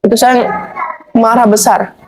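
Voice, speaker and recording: A woman guest telling her conversion story in a casual, animated way, slipping into slangy informal speech as she replays old arguments. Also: fairly high pitch, measured pace. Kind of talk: casual spoken testimony.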